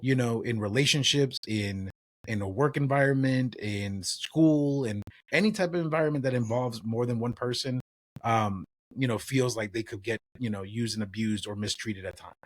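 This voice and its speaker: Man, medium pitch, casual wrestling podcast discussion, slangy and conversational, dry recording. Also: moderate pace, dry recording. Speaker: podcast co-host.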